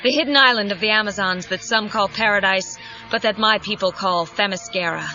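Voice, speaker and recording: A woman's voice: mid-range voice, fairly quick, lightly acted. A woman as Wonder Woman, noble, over music. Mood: wistful, proud. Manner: formal, reflective. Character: noble, wistful Amazon warrior princess superheroine. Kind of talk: audio drama monologue. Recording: dull cassette sound, music behind.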